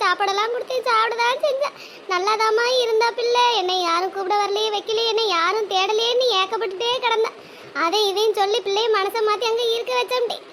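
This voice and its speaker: A woman plays a fretful middle-aged village woman in a cartoon drama. Her voice is extremely high and childlike, and she speaks. She keeps turning her worries over as she talks. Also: very noisy. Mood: distraught.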